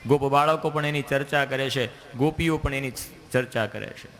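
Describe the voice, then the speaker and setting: A man telling a devotional story in a lively, folksy way. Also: medium pitch, moderate pace. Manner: lively, folksy, acts out voices. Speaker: religious storyteller.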